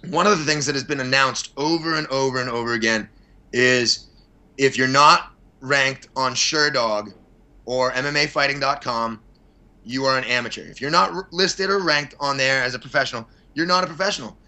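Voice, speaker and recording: A fight promoter appears as a podcast guest, rambling casually through blunt, opinionated answers sprinkled with mild swearing. His voice is medium-pitched and sharp, at a moderate pace.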